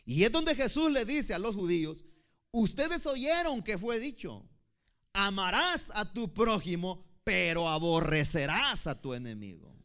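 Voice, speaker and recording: A male preacher from El Salvador delivers a teaching sermon, his voice sitting on the high side for a man. He lingers on key words and phrases, explaining each point to his congregation and calling them brothers. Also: sing-song, bright, forceful tone. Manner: teaching, slow emphatic phrasing, addresses listeners as brothers.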